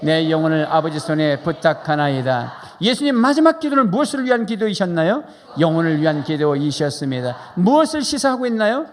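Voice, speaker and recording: Brisk and animated, this fairly high-voiced male pastor delivers a fervent, repetitive sermon full of prayer, questions, and repeated phrases, drawing loud call-and-response from the congregation. The setting is a large church sanctuary, captured live with hall reverb, music, and a little background noise.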